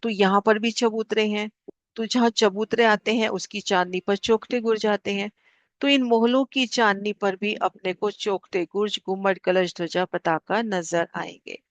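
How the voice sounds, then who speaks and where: A woman teaching a spiritual class, calmly guiding listeners through maps and repeating key figures so they stick. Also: mid-range voice, moderate pace, no echo. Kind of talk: devotional lesson explaining maps.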